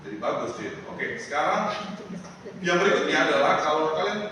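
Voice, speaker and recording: A man's voice: fairly high pitch, very animated, fairly quick. A man teaching a singing lesson, asking his class many questions in a chatty way. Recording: echoey hall, mic far off, noisy.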